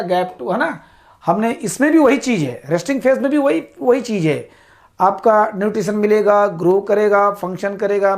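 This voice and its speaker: A woman's voice: mid-range voice, darkish tone. A woman teacher explaining biology terms to students, repeating key words and checking in after each point. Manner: repeats "ठीक है" to check understanding, drills terms slowly; addresses students as "साथियों". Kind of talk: whiteboard lecture.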